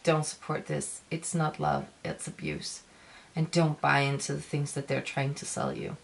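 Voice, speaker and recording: A woman giving a casual video review, ranting emphatically in a halting, repetitive way. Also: low-pitched, big pitch swings, gravelly. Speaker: film reviewer.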